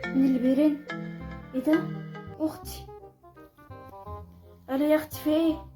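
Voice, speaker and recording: A woman's voice: high-pitched, steady tone, moderate pace. A woman with an Egyptian accent who performs a comedy skit and talks frantically to herself. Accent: Egyptian Arabic. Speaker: comedy sketch creator. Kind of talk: comic skit narration. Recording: loud music underneath.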